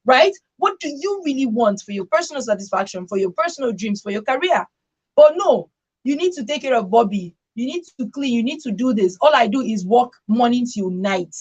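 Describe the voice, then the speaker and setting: Her voice is a little high with a darkish tone as she hosts a talk radio discussion. Driving her points home with emphasis, she repeats key phrases and tosses in "right?" to check with her audience.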